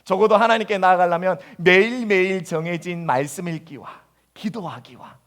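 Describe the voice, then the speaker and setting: A male pastor preaching a sermon in a church, acting out anguished prayers in a voice that jumps higher. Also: moderate pace, a bit bright. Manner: acts out anguished prayers in a high voice. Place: church sanctuary.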